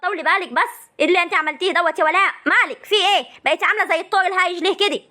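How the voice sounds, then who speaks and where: A scolding older Egyptian village mother, played by a woman, rattles off her lines at top speed. The voice is very high and bright. She chides and soothes her quarrelling family in a comic drama. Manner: chiding, soothing, fast talk. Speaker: mother and aunt in a family feud.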